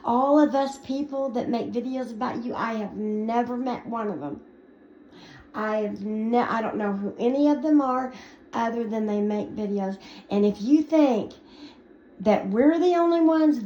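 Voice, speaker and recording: A woman's voice: mid-range voice, a little mellow, a little hiss or hum. A woman ranting to the camera, scolding and sarcastic as she answers someone she is angry at. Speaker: commentary vlogger. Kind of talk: angry response rant to camera. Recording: echoey lo-fi recording with faint ambience.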